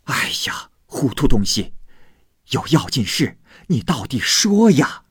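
A man's voice: deep voice, unhurried, husky, dry recording, studio quality, exaggerated voice. A man reading aloud voices a stern, impatient noble matriarch who scolds sharply.

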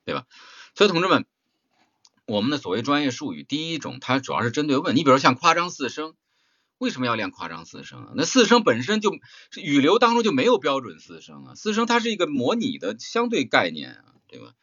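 Blunt, lively male voice-acting teacher. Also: fairly high pitch, brisk, dry recording, dull audio. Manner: blunt, emphatic, full of rhetorical questions. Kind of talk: spoken workshop lecture.

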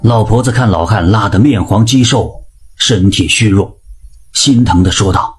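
A man narrating a comic folk tale in a dramatic, lively storytelling manner. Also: on the low side, normal speed, slightly rough. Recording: music bed behind voice.

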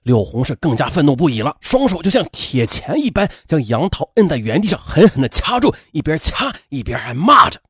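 Animated male true-crime storyteller. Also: husky, no echo, studio quality. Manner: animated, acts out women's lines in a high strained voice; colloquial with drawn-out particles. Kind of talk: dramatic true-crime narration.

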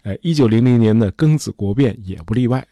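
A man's voice: mid-range voice, fast, warm tone, a little hiss or hum. A man hosting a history show, telling events in a chatty, casual way with many fillers.

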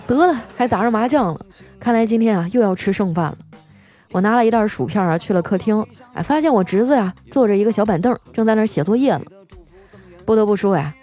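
A young woman, telling comic stories as a radio host in a wry, deadpan way and playfully voicing the people she quotes. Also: mid-range voice. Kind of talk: comic storytelling monologue.

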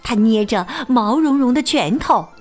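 A woman teacher reading a children's picture book aloud, expressive and sing-song with plenty of exclamations. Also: on the high side, unhurried, faint music behind. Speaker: storyteller teacher.

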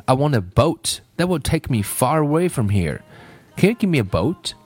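Man reading as a needy, discontented storybook boy, lively pitch. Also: normal speed, slightly rough, soft background music. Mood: wanting, insistent. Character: needy, discontented boy who grows old and tired. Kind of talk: storybook character voice.

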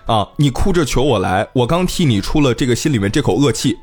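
A man's voice: medium pitch, expressive, quick pace, a little mellow, close to an everyday voice. A man doing a blunt, exasperated younger brother. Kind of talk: comic story retelling.

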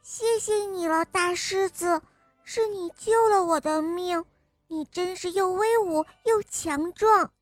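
Lady doing a thankful little deer from a kids story, high and slow. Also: no echo, faint music behind. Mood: grateful. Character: young grateful deer.

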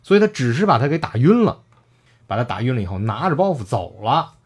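Man, casual storytelling, animated pitch, plays the characters' lines. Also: fast talker, slightly rough. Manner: lively, acts out characters' lines, laughs often. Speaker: storyteller retelling a classic novel.

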